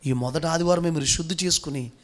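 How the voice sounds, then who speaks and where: A pastor with a strikingly high voice for a man preaches a sermon built on strings of rhetorical questions. He swings between loud, pushed lines and ones drawn out slow and quiet.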